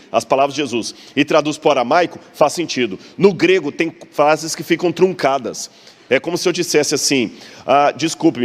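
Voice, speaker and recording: A man with a Brazilian Portuguese accent giving a didactic public lecture, asking the audience questions and pointing to slides. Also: medium pitch. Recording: long hall reverb.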